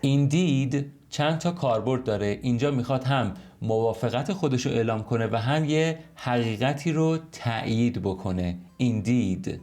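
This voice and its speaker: A man's voice: medium pitch, a little mellow. Man teaching English in Persian. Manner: explains patiently, slows right down to model English sentences. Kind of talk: online language lesson.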